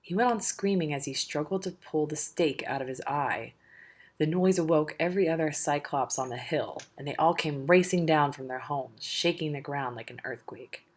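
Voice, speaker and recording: A woman reads a storybook aloud in a low voice. Her delivery is steady and measured.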